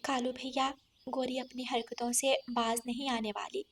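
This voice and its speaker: A kind-hearted sparrow from a cartoon, speaking softly and reassuringly in a high, light voice, as a woman puts her on. She is calm and caring. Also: unhurried. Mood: gentle. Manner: soft, soothing, reassuring. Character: kind, gentle female sparrow.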